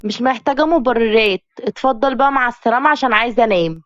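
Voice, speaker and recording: A stubborn young bride with an Egyptian accent talks bluntly and sarcastically, as a woman narrator voices her. Her voice sits fairly high, recorded dry and a bit muffled. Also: racing, no echo, lightly acted. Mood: cold. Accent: Egyptian Arabic.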